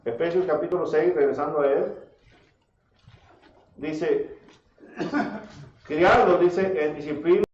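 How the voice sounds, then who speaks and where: A high-pitched man preaches, throwing rhetorical questions at his congregation. He sounds distant from the mic, in a roomy church, on a dull recording with faint hiss. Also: takes it slowly, long pauses, a little mellow. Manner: addresses listeners as brother, asks rhetorical questions. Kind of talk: sermon. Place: church hall. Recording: echoey church audio from far off, dull and slightly noisy.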